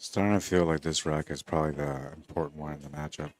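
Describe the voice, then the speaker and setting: A man gives relaxed, conversational live commentary on a pool match, talking quietly, low, and fast.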